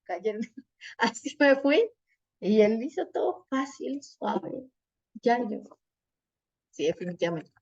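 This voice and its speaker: Brief: middle-aged woman, parenting teacher, lively storytelling, slightly dull recording. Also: a little high, takes it slowly, long pauses, breathy edge. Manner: animated, asks "¿cierto?" often. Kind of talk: teaching a parenting class with personal stories.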